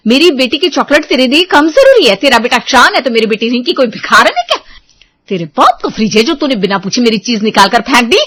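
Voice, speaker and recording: A woman voicing a furious, quarrelsome mother who scolds and shouts. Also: fairly high pitch, sing-song, fast talker, pitched above the performer's own voice. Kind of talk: storybook drama.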